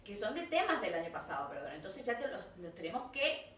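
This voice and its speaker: A woman's voice: medium pitch, very animated, a little fast, a bit bright, roomy sound, distant mic. An Argentine woman teaching English to young children, giving class feedback and mixing Spanish and English, checking in with "¿sí?" and "¿ok?" after nearly every point. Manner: switches between Spanish and English, coaxing with constant "¿sí?" and "¿ok?".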